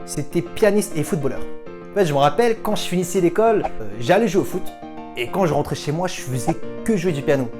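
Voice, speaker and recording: A man's voice: a little high, lively intonation, fast talker. A young man from France answering viewer questions in a casual, self-mocking vlog, switching between languages. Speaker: vlogger. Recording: music playing underneath.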